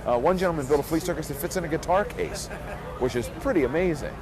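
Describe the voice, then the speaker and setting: Speaking fast in a slightly high voice, this flea circus showman answers a casual interview earnestly and thoughtfully. The rough outdoor recording picks up the chatter of a crowd and the noise of the street.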